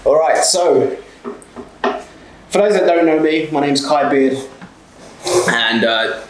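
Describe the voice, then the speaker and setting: On a slow, animated delivery with a fairly high pitch, this twenty-something mentor and small business owner from South London swears heavily and keeps saying "okay?" as he gives a blunt pep talk to camera. The sound is roomy, with a noisy background.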